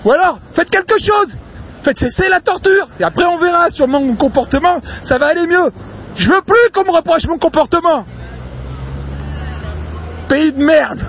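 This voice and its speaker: A man ranting angrily outdoors in a public place, swearing and repeating himself, his voice hoarse from shouting. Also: extremely high pitch, animated, normal speed, long pauses, some chatter behind, a little hiss or hum. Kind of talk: angry outdoor rant to camera.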